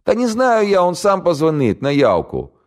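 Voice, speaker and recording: A man voicing a frightened young captured radio operator with a southern accent, high and pleading. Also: huge pitch swings, a little mellow. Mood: pleading, scared. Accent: southern Russian. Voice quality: high pleading rushed delivery.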